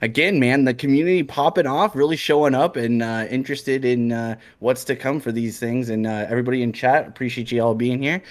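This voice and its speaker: A man's voice: medium pitch, steady tone, a little fast, few pauses. A man co-hosting a casual gaming stream, eager and full of fillers. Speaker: co-host. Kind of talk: casual live-stream chat.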